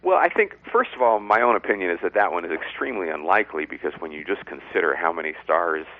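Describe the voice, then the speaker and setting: Narrow telephone-like sound, man, deep register, expert interview guest, measured plain explanations. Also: expressive. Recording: narrow, phone-like line.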